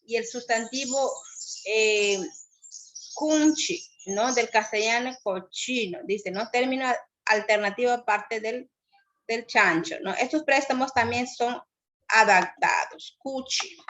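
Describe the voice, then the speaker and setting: A woman whose first language is Shipibo-Conibo, teaching a class at a slow, pausing pace and often checking in with her listeners. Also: fairly high pitch, fairly bright tone. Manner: slow, pausing, frequent "¿no?" tag. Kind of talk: lecture on loanwords.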